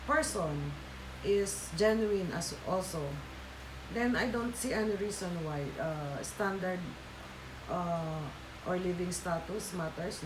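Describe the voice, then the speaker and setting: A Filipina livestream host from the Philippines, a Tagalog speaker with a Filipino accent, chats casually with viewers using many fillers and restarts. Her voice is lowish, with a roomy sound and a noisy background.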